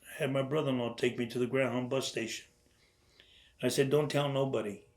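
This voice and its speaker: An older veteran tells his memories in an oral history interview in a conversational storytelling style, his medium-pitched voice fairly even in intonation. He stumbles and restarts often and takes on the voices of the people he quotes.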